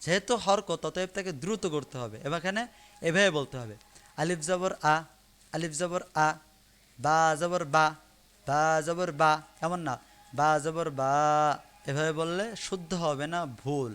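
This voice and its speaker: A man's voice: on the high side, normal speed, a bit bright, smooth. A man teaching Quran reading in an online class, patiently repeating each syllable for learners to follow. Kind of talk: online lesson teaching Arabic letters. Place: online live class broadcast.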